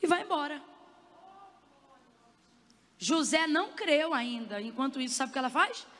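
A woman preacher with a high, bright voice delivers an impassioned sermon, building to fervent shouts. Her words ring out with a long reverb in a big conference hall. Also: animated, moderate pace.

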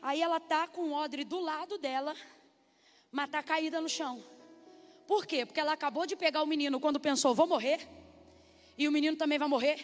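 A woman preacher delivers an animated sermon and calls on the congregation to respond. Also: high voice. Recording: long reverb hall, faint music.

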